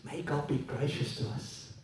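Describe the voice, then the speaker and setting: A man preaching a sermon in a church, conversational and lively, with many rhetorical questions to the congregation. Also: moderate pace, slight background noise. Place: church hall. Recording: echoey hall, voice from a distance.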